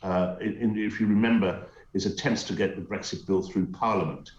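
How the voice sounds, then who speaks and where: On a remote link from home, a middle-aged North East England man with a Teesside accent gives a talk show his emphatic, scornful take, full of uhs. His deep voice is a little fast, and the audio is roomy with the highs cut off.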